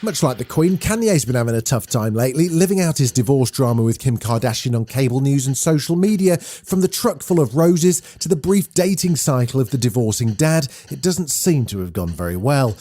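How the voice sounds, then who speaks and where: A man hosting a daily news podcast, reading scripted news in a brisk, lively way. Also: mid-range voice.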